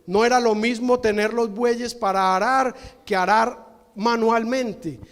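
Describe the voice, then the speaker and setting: A man's voice: very high-pitched, fairly even intonation, measured pace. A man preaching a sermon as pastor, retelling a story dramatically with acted-out quotes. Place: church hall. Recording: long hall reverb.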